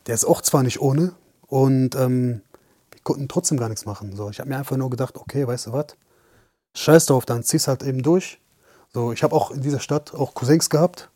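A man's voice: medium pitch, normal speed, dry recording, clean studio sound. A young man, a professional boxer, telling a story in casual chat, acting out the lines of the people in it. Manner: animated, retells scenes with quoted dialogue.

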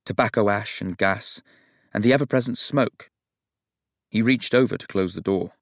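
A man reading a novel aloud as narrator in a measured, even storytelling manner. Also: fairly low pitch, creaky, dry recording, studio quality. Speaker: audiobook narrator. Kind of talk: scripted narration.

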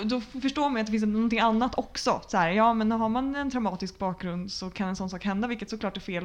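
A woman speaking earnestly and reflectively in a casual podcast conversation, with many fillers. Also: medium pitch.

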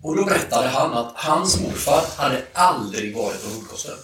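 A man's voice: medium pitch, lively intonation, fairly bright tone, recorded from a distance, a little hiss or hum. A man chatting casually, often hesitating with filler sounds and restarting his sentences. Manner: hesitant, fills pauses with "eh" and restarts. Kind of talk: casual chat. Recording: very echoey room, away from the mic.

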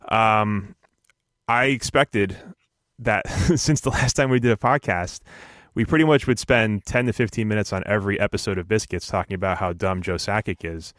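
A man hosting a casual sports podcast, rambling along with deadpan jokes and stumbling over repeated words. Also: sits low, no echo, studio quality. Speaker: podcast host.

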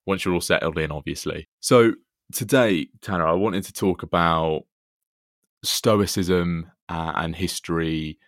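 A man's voice: deep voice, unhurried, a bit bright, dry recording, studio quality. A man chatting casually as he hosts a podcast interview.

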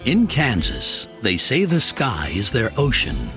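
A man's voice: lowish voice, huge pitch swings, measured pace, a bit bright. A man narrating a scripted true-crime documentary in an ominous, suspenseful horror-trailer manner. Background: music behind the voice.

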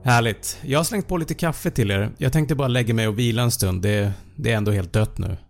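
A man voicing a tired, easygoing male senior night guard in a horror story, offhand and relaxed. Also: medium pitch, vocal fry, soft background music, close to an everyday voice.

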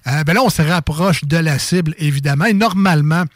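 A man's voice: on the high side, brisk, no echo, studio quality. A man with a Quebec French accent hosting a radio game show, playful and teasing, laughing often in casual banter.

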